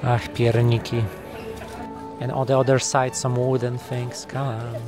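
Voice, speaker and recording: Walking through a city market and old town, a man vlogs casually over background music, recorded on a small handheld camera mic. This chatty, joking travel vlogger is easily impressed, though his mid-range voice has a flat delivery and is a little slow.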